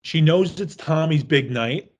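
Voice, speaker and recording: A man's voice: fairly high pitch, animated, a little slow. A man co-hosting a horror film podcast, chatting casually in a rambling, jokey and profane way. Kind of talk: casual chat.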